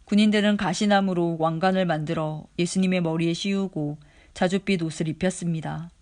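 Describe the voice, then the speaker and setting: A reader giving a steady, measured daily scripture reading. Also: mid-range voice. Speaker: Bible reader.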